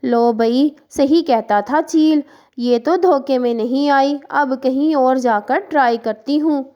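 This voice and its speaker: A woman voicing a scheming, sweet-talking female kite bird in a cartoon story, coaxing her prey with gushing flattery. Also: high voice, slow, muffled recording.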